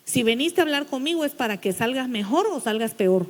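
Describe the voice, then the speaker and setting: Speaking a little fast and with plenty of expression, a woman pastor with a high voice delivers a blunt sermon. Rhetorical questions push at her listeners, and the church sanctuary's long reverb lets her voice resound.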